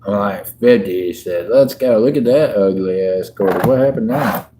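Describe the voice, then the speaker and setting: A man in his 50s hosts a casual livestream, chatting and joking with viewers in a laid-back way while he sorts coins. His voice sits on the low side and moves at a normal speed, with noise in the background.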